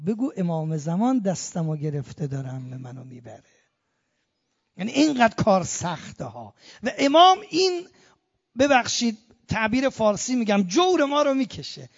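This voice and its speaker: Impassioned man preaching in a hall. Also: high voice. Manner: impassioned, rising to emphatic peaks; chants Arabic verses slowly. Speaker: cleric. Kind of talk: sermon. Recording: muffled, long hall reverb.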